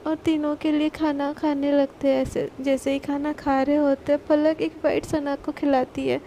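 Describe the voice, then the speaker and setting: A woman with a high, mellow voice narrates a serialized love story in a loose, chatty manner. Her sentences run on one into the next, with little rise and fall in the melody. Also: little pitch movement, moderate pace, slight background noise.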